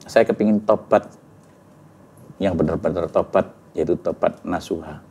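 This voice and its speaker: A middle-aged man with a low, darkish, slightly rough voice speaks at a moderate pace. As a guest in an interview, he earnestly shares his personal testimony, sprinkling in Javanese words.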